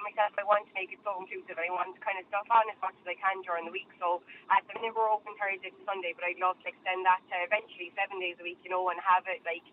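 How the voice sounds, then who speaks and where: Kerry woman, west of ireland accent, chatty and fast, on a tinny phone call, bit of noise. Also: medium pitch. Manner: chatty, informal, lots of "like" and "you know". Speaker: guest, LGBTQ+ venue owner. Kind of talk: casual interview chat.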